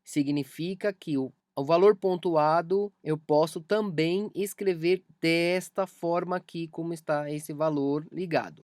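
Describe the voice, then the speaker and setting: A woman's voice: low-pitched, unhurried, few pauses, darkish tone, dry recording. A woman with a Brazilian accent teaching music theory in a video lesson, patiently repeating key points as she explains.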